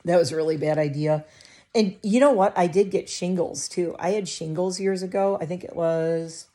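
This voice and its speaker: A middle-aged woman vlogs casually to camera from her living room, rambling and cutting herself off. Her fairly low, dark voice moves at a moderate pace and sounds a little stuffy, with a scratchy throat.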